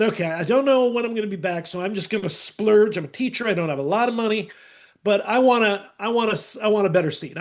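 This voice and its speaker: A man with a high voice tells lively, casual stories as a guest on a podcast. He's animated and acts out the voices of people in his anecdotes.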